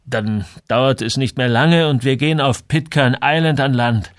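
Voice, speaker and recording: A man voicing a calm, determined old sailor who is ill, in an audiobook. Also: medium pitch, no room sound, studio quality, voice pushed up, close to an everyday voice. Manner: slow, calm. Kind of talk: audiobook character voice.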